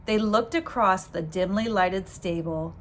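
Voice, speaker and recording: A teacher reads a children's storybook aloud in a medium-pitched voice, telling the story expressively and deliberately.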